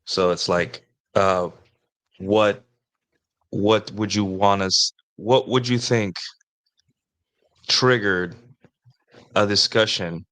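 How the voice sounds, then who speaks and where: Podcast co-host, male, lower voice, hesitant talker; his audio sounds robotic and metallic, with electrical interference. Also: fairly even intonation, drawn-out words, pauses often, a bit bright, no room sound. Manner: rambling, hesitant, trails off with fillers. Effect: robotic, metallic voice with signal cutting in and out. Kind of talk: casual podcast chat. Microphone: desk mixer setup.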